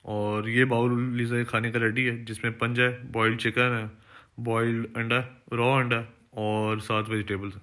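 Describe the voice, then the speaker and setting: A man's voice: mid-range voice, level tone, normal speed, sharp tone. A young man narrating his day in a casual, matter-of-fact vlog voice-over. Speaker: vlogger.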